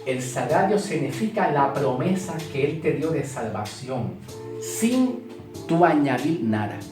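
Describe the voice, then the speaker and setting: A man's voice: medium pitch, normal speed. A man teaching a Bible sermon, emphatic, repeating key words and asking rhetorical questions. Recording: echoey room with guitar music. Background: guitar music.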